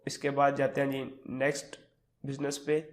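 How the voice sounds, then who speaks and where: A man with a sore throat giving a relaxed, step-by-step screen tutorial, mixing English words into his explanations. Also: medium pitch, moderate pace. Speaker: tutorial host. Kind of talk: screen-recorded tutorial walkthrough.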